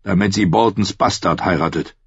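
A man's voice: deep voice, moderate pace, gravelly, husky, dry recording, exaggerated voice. A man reading an audiobook, voicing a cynical, mocking one-handed knight in a dry, sardonic way. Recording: dry, slightly dull studio audio.

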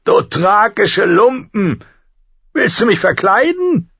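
A man voicing an arrogant, cruel young exiled king who is quick to rage, with a shrill, sneering voice. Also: slightly rough, no room sound. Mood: scornful. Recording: slightly dull recording.

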